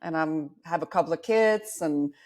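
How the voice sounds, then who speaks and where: Speaking at a moderate pace in a low, somewhat dark voice, this woman from Denmark, in her forties, reflects on her work as a dating coach during a podcast interview, often poking fun at herself.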